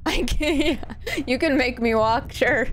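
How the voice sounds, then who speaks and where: Speaking slowly in a high-pitched voice, a woman streams a horror game with casual live commentary, over a little hiss or hum. She sounds nervous and scared, but her reactions are playful and sweary, full of exclamations and joking asides.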